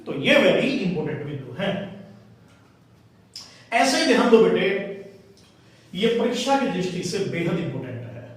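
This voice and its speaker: A man's voice: high-pitched, very animated, moderate pace, pauses often. A male Hindi teacher lecturing his students step by step, repeating key terms and addressing them fondly. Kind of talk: classroom lecture on Hindi grammar. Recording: echoey room, voice from a distance.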